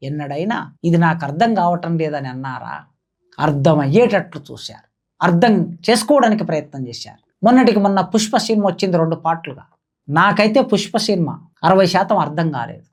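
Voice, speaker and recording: A woman's voice: fairly low pitch, expressive, fast, a little mellow. A woman giving impassioned spoken commentary, declaiming and piling up rhetorical questions like a political commentator.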